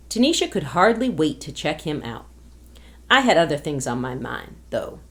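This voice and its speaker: A woman reading a novel aloud to a class as a guest reader, in an expressive storytelling manner. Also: deep voice.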